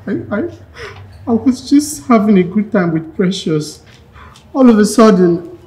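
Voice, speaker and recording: A man's voice: extremely high pitch, darkish tone, heavily acted, rough recording. An actor playing a panicked young male student who stammers through tears. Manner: stammering, tearful.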